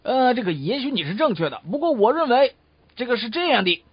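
A man's voice: very high voice, a little fast, slightly rough. A man telling jokes in a comic crosstalk routine, acting out each story with energy. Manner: animated, acts out the story. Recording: dull lo-fi recording, dry.

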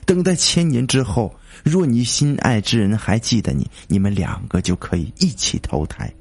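A man voicing Meng Po, a weary old woman of the underworld who offers the soup of forgetting, in a hoarse, low and slow storybook voice. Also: expressive, darkish tone, no room sound. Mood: solemn. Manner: slow, solemn, coaxing.

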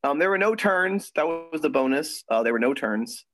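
A man's voice: on the high side, expressive, moderate pace, fairly bright tone, low-quality recording. Chatty young man on a podcast. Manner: chatty, with frequent ums and laughs. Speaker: podcast co-host. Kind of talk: casual chat. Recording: dry close sound.

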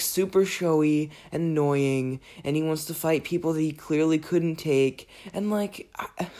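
Under the weather and raspy, a podcaster rambles through a casual film rant that's self-deprecating and jokingly exasperated. His voice is medium in pitch with a warm tone.

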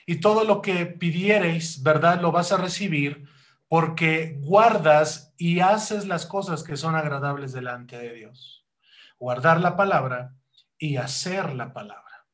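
A high-voiced man preaches a teaching sermon, peppering the congregation with rhetorical questions and repeatedly calling them "hermanos." He alternates between loud, rising bursts and slow, deliberate passages when explaining a point.

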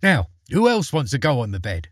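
A fearless, cheery young lad, voiced by a male storyteller with a husky edge and a dry, close sound. He speaks plainly and sounds unbothered by anything. His lines swing up and down with a lot of melody. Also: mid-range voice, huge pitch swings, brisk, a bit bright, no echo. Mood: cheerful. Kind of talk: storybook character voice.

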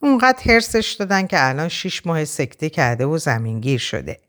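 A woman's voice: low voice, big pitch swings. A woman voicing a bitter young man who complains resentfully about his father, in an audiobook reading.

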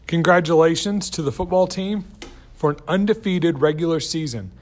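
A man reading out a school's morning announcements in an upbeat, clear, scripted way. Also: on the high side, moderate pace, over music.

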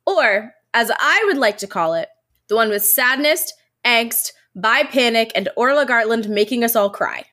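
A woman co-hosts a podcast, joking around and laughing a lot as she chats casually about a TV episode while stuffed up from a head cold. Her voice sits on the high side, lively in intonation, pushed and bright, at a normal speed.

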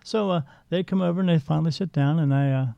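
A man's voice: a little high, fast, gravelly, no room sound. A man working as a psychic medium, telling stories in a blunt, rambling way with frequent restarts during an interview. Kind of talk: casual storytelling interview. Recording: dull lo-fi dry sound.

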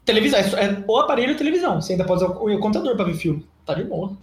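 High-voiced Brazilian man hosting, roomy. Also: sing-song, rapid-fire. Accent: Brazilian Portuguese. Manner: reads out would-you-rather choices, laughs easily. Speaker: podcast host. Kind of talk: casual podcast chat. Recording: roomy echo.

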